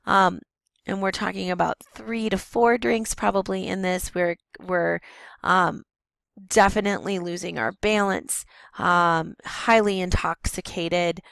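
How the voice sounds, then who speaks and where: Hoarse woman teacher, gravelly and dry. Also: lowish voice, steady tone, measured pace, fairly bright tone, no room sound, low-quality recording. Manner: explanatory, with frequent ums and self-corrections. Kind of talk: recorded classroom lecture over slides.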